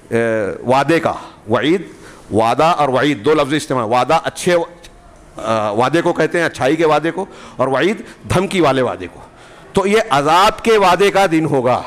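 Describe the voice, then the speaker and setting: A man with an Indian Urdu accent giving a Friday sermon in a mosque. He explains terms in short repeated phrases and rises to fervent, emphatic peaks before dropping low. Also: a bit bright. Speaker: preacher.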